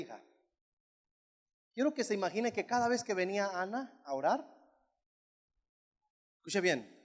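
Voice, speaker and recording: A male pastor preaching a sermon, emphatic and repetitive as he tells a story. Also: high-pitched. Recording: long church hall reverb.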